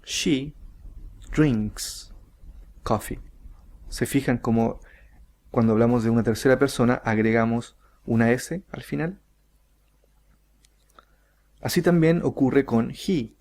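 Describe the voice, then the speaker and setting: A man teaching English grammar, explaining slowly and carefully and stretching out each English example sentence. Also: mid-range voice, a little mellow. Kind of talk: recorded grammar lesson.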